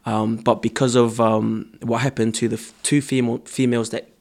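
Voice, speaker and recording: A man's voice: medium pitch, flat delivery, a little fast, gravelly, darkish tone. A young man, a choreographer answering interview questions earnestly, with many ums and restarts. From born in Samoa, raised in New Zealand. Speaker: dancer and choreographer guest.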